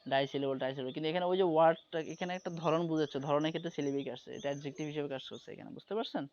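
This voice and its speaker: A man's voice: a little high, racing, darkish tone. A man teaching an English lesson to an online class, explaining patiently and often checking that everyone understands. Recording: dull lo-fi audio with background noise.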